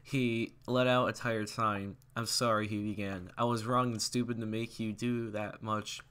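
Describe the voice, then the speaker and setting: Bright-voiced young man reading fan fiction. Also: lowish voice, little pitch movement, moderate pace, slight background noise. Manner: stumbling, self-correcting, chuckling asides.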